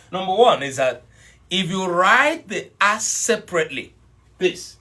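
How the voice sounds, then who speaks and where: A middle-aged man teaches a live online language class, his voice pitched high and slightly bright. He explains points patiently, goes over them again, and greets his students by name.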